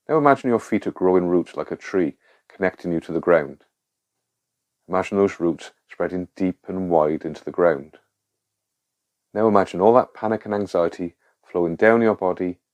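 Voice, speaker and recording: Male guide for a calm grounding exercise: low-pitched voice, reassuring, gives clear step-by-step instructions. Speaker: guide of a panic relief exercise.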